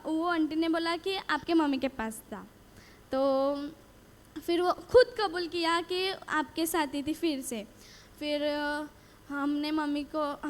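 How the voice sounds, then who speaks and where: A high-voiced woman shares her faith story at a retreat with great sincerity. She repeats phrases for effect and acts out the conversations she describes.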